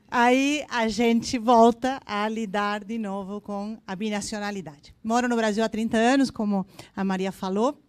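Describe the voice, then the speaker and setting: A woman in her fifties with an Argentine Spanish accent, speaking to a company audience. Her voice sits a little high, and the sound is dry and close. She tells light jokes and pauses on fillers as she searches for words. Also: no room sound. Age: 50s. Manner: joking, chatty, with hesitant fillers. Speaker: invited speaker. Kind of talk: corporate event talk.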